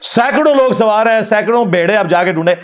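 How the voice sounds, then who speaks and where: A man's voice: sits high, animated. A man giving a critical religious talk in a mocking, argumentative way. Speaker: religious speaker.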